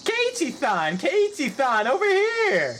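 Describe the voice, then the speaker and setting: A woman voicing an eager, excitable anime game sports fan with drawn-out, exaggerated delivery. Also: high voice, slight background noise.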